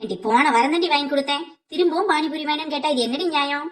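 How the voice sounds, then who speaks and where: A woman's voice: high-pitched, very fast, a bit bright, recorded from a distance. A woman voicing a fed-up, scolding mother in a cartoon comedy, nagging her child.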